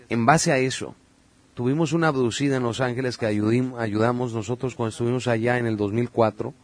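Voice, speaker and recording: A man, talking earnestly on a podcast, telling stories with many filler sounds. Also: medium pitch. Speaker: podcast guest speaker on religion and UFOs. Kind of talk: casual podcast talk.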